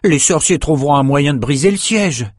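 A man's voice: on the high side, lively intonation, fairly quick, no echo, voice pushed up. A man putting on a sulky young lout in a storybook reading, grumbling and defensive, his voice raised well above his own, recorded close and dry.

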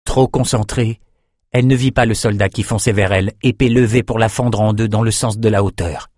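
A man narrating a fantasy audiobook in a steady, measured storytelling voice. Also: lowish voice, dry recording, clean studio sound.

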